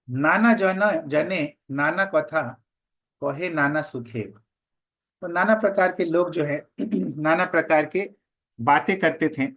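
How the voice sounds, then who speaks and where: A man teaching a scripture class, slowly chanting verses and then explaining them line by line. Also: on the high side.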